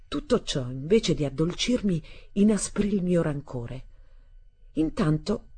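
Brief: female audiobook narrator, husky and dark-toned, measured dramatic reading. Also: sits low. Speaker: audiobook reader.

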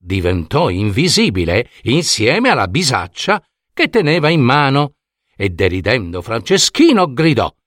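A man with an Italian accent narrating a fairy tale in an expressive scripted reading. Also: medium pitch, dry recording, clean studio sound. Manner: expressive, unhurried. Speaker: storyteller.

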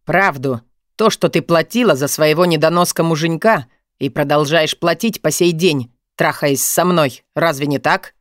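A woman's voice: sits low, normal speed, no echo, studio quality, voice pushed down, lightly acted. A woman reading an audiobook, voicing a domineering wealthy man who growls, mocks and presses hard. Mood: harsh.

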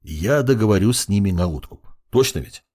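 A man's voice: lowish voice, animated, brisk, darkish tone, breathy edge. A man voicing a crippled male investigator who grumbles and defends himself indignantly in an audiobook.

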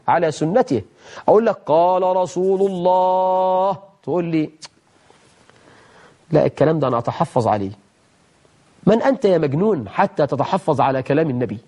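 A sheikh speaks with an Egyptian Arabic accent in a fairly high voice that has a mellow, warm tone. He teaches a religious lesson and takes calls. His delivery is emphatic, and he scolds through rhetorical questions. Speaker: sheikh taking callers. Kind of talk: religious lesson with call-ins.

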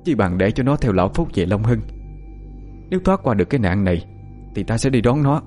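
A man's voice: lowish voice, expressive, a little fast, darkish tone, soft background music, close to an everyday voice. A male narrator voicing a resolute noblewoman, a devoted wife and mother, speaking with firm, tearful resolve.

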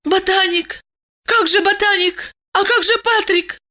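A woman voicing a distraught, hysterical young woman who cries out in a shrill voice. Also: fairly even intonation, measured pace, sharp tone, full character voice. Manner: shrill, crying out.

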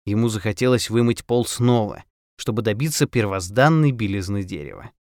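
A man's voice: on the low side, lively intonation, moderate pace, a little mellow, no echo, studio quality. A man reading an audiobook in a theatrical style, putting on voices for the characters. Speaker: audiobook narrator.

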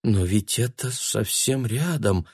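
A man voicing a bewildered young woman who speaks softly and haltingly, in an audiobook. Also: fairly low pitch, animated, breathy edge, no room sound, clean studio sound, exaggerated voice. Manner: soft, halting.

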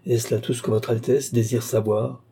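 A man voicing a composed, quietly ironic count said to be a sorcerer, in an audiobook of a classic novel. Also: medium pitch, little pitch movement, normal speed, breathy edge. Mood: ironic calm.

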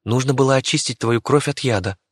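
A man's voice: medium pitch, brisk, husky, no echo, studio quality, pitched above the performer's own voice, close to an everyday voice. A man voicing a young fox girl in an audiobook, cold and matter-of-fact. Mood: calming. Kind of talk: audiobook character voice.

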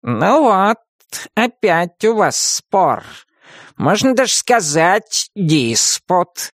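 A man's voice: high voice, expressive, slow, no echo, studio quality, voice pushed up. Kuzmich, a man doing a drawling talking cat. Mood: pleased. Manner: drawling, thoughtful, lecturing. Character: talking cat, leisurely and pompous.

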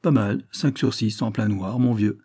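A man's voice: fairly low pitch, moderate pace, natural voice. A man reading aloud and voicing a phlegmatic Irish man who answers his friend coolly and lectures him. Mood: coolly firm. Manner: calm, dry and lecturing.

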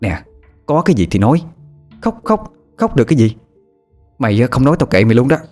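A man voicing a sharp-tongued middle-aged landowner's wife with a Southern Vietnamese accent, scolding shrilly. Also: mid-range voice, big pitch swings, quick pace, faint music behind, voice pushed up.

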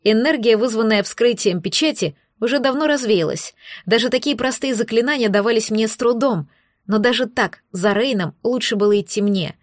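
A woman narrating a first-person fantasy novel, steady and tense. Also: a little high, moderate pace, no room sound, clean studio sound. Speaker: audiobook narrator.

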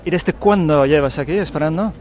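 Out on a crowded town street, this male field reporter speaks a little fast, his voice a touch high with a darkish tone. He files an on-location news report, chatting with passersby and putting short, direct questions to them.

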